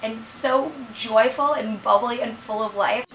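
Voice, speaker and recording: A woman's voice: on the high side, measured pace, a bit bright, echoey room, a little hiss or hum, low-quality recording. A woman talking to camera in a sincere, heartfelt, admiring way. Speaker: web comedy group member. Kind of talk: casual to-camera talk.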